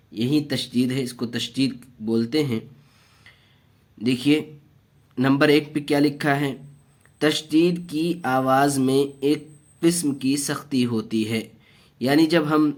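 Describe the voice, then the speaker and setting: Guy running a beginner reading lesson online, medium-pitched voice, drills each syllable slow and repeats it. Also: a little mellow. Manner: addresses viewers directly, often calling out to them. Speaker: Quran reading teacher.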